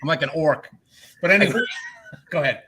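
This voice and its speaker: A man with a heavy Boston accent, hosting a podcast from his bedroom and trading jokes in quick banter. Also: fairly high pitch, pushed and bright. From suburbs of Boston, United States. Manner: fast, joking banter. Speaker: podcast host. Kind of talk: casual chat.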